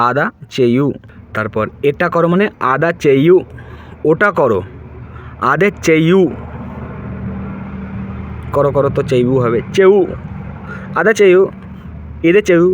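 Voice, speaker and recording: A man's voice: fairly high pitch, fairly quick, dull audio, slight background noise. A man giving a casual spoken language lesson, repeating each word and often checking with "right?". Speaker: language teacher.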